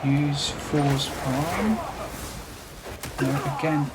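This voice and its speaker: A man's voice: a little high, very slow, noisy background. A frustrated man giving gameplay commentary at his computer, swearing constantly and talking to himself. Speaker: let's play gamer.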